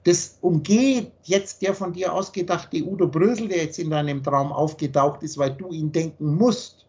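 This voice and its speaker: A man with a German accent holds forth over a video call, and his voice sits fairly high. He talks bluntly and insistently, hammering each point home with homely examples. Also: moderate pace, darkish tone, lo-fi sound. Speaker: spiritual teacher.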